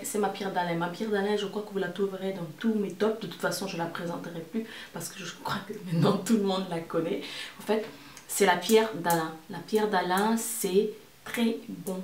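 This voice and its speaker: A woman giving a casual product review to camera as a beauty vlogger, repeating words and phrases for emphasis. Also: medium pitch. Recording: roomy echo, distant mic, faint noise.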